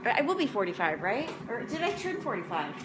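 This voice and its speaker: A woman in her forties, a motivational vlog host and food prep coach, chats casually to camera in a rambling, conversational way. Her voice is fairly high and sing-song, a little fast, with heavy background noise.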